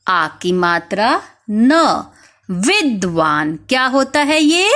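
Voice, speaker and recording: A woman teaching young children spelling, slowly spelling out each word letter by letter and asking them questions. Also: mid-range voice, very animated, a bit bright. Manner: slow, spells words letter by letter, asks questions.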